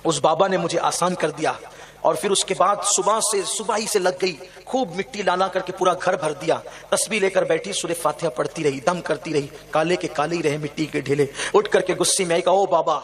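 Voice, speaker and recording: A man's voice: on the high side, fairly bright tone. A man preaching a devotional sermon, telling stories with passion and asking the audience rhetorical questions.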